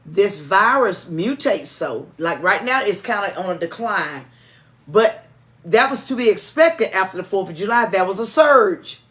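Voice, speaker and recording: A woman's voice: mid-range voice, expressive, a little slow, fairly bright tone. Middle-aged woman, church music director co-hosting; homespun, cautioning, conversational delivery. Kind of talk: informal announcements and chat.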